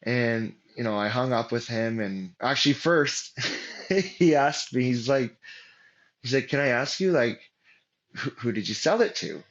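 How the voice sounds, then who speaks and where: A man's voice: medium pitch, animated, a little slow, fairly bright tone, muffled recording. A man as an interview guest, telling a story casually with many fillers and restarts, acting out what people said. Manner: rambling, many fillers and restarts, acts out quotes.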